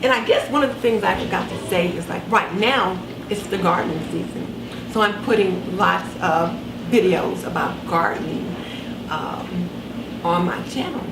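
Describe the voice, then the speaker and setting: Chatting to camera indoors in her kitchen, a vlogger in her sixties speaks at normal speed in a lowish voice, with dental retainers slightly hampering her speech. The sound is roomy, picked up by a distant camera mic with clear background noise.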